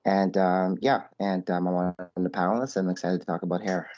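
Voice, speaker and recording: A young man from the Bahamas introduces himself as a student panelist, his voice very low. He hesitates and fills pauses often, and the audio is dry and muffled. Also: level tone, darkish tone, dry recording. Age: young adult. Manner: hesitant, many fillers.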